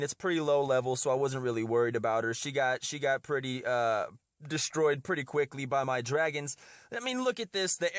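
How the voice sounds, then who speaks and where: Man, mid-pitched voice, mildly stuffy nose, casual strategy game commentary, repeated words, dry close recording. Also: smooth, no echo. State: getting sick, slightly stuffy nose. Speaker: host of a game strategy video. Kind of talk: gameplay commentary.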